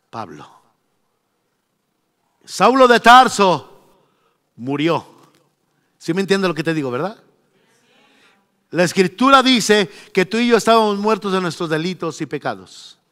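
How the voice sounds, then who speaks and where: High, bright-voiced preacher. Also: male voice. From Mexico. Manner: storytelling, emphatic, acting out quotes. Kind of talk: sermon. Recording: long reverb of a church hall.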